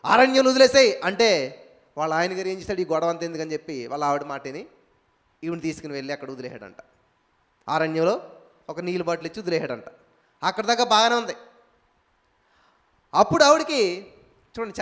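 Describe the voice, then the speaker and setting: Male pastor, very high-pitched, emphatic sermon delivery with rhetorical questions, echoey hall recording. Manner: emphatic preaching with rhetorical questions and shouted hallelujahs. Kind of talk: live evening prayer sermon.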